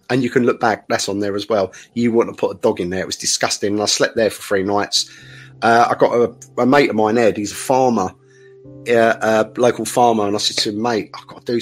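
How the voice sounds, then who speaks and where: A man's voice: medium pitch, slightly rough. Candid rambling man. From south-east England. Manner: rambling, candid, full of restarts and fillers. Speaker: podcast guest, plasterer. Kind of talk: casual interview storytelling.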